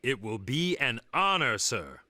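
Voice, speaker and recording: Bright-voiced, courteous colonial craftsman. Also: medium pitch, sing-song, unhurried, no room sound, exaggerated voice. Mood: courteous, proud. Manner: polite, earnest. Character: courteous, proud freedman craftsman, eager to serve. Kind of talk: animated history cartoon acting.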